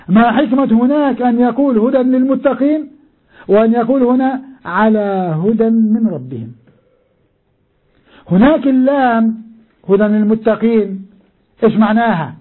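A man's voice: very high voice, slightly rough. An older man teaching a lesson on Quran interpretation, explaining step by step, turning often to his students and repeating key words. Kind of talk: classroom tafsir lesson. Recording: muffled phone-like lo-fi recording.

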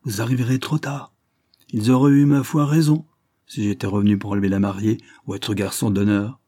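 Older colonel, frank, hearty, emphatic, read by a man, husky, dark tone. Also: fairly low pitch, level tone, brisk, no room sound, studio quality, lightly acted.

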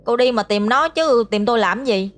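Brief: woman doing a jumpy man near thirty, stammers when scared, higher-pitched voice. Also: lively intonation, moderate pace, natural voice. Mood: protesting. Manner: stammering, frightened pleading. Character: jumpy nearly thirty-year-old man, easily scared.

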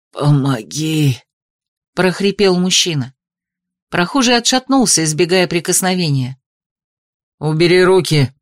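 A woman reads a novel aloud in a measured, even way. Her voice sits a little low for a woman. The recording is close and dry, with no room sound. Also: no room sound. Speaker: audiobook narrator. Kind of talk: scripted narration.

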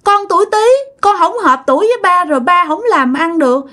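A sulky little ghost child whines and pleads in a piping, very high voice, as a woman storyteller puts it on. The talk is clingy and reproachful, full of childish wheedling. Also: lively intonation, a little fast, pushed and bright, full character voice.

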